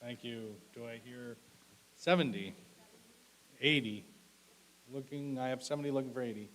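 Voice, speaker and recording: A man's voice: mid-range voice, moderate pace, fairly bright tone, poor audio. A man working as an auctioneer at a live auction, calling bids and lots in short, clipped, repetitive phrases with polite asides. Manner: repetitive, clipped bid calls with polite thanks. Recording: clearly audible background hiss.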